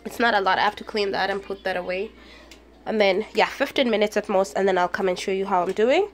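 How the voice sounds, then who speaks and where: A young woman with a non-native English accent chats animatedly and tells stories in a casual cooking vlog shot in her small home kitchen, with a phone camera resting on the counter. She talks fast, with a medium-pitched voice.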